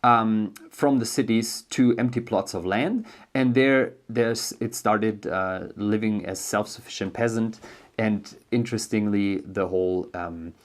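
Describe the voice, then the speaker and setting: A man's voice: lowish voice, unhurried. A man with a German accent who grew up in Germany, hosting an educational video and explaining a book in a loose, unscripted way, thinking aloud with many ums and restarts. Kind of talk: casual spoken book explainer.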